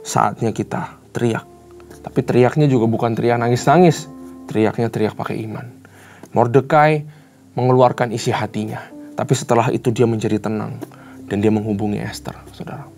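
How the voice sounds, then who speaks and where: A man's voice: medium pitch, darkish tone. Emphatic male preacher. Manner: emphatic, rhetorical questions, addresses listeners as saudara, mixes in English phrases. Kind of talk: sermon. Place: church.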